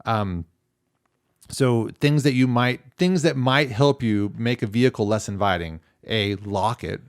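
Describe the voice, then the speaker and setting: Rambling male podcast co-host. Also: mid-range voice. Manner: rambling, self-correcting, quick to laugh. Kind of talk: casual chat.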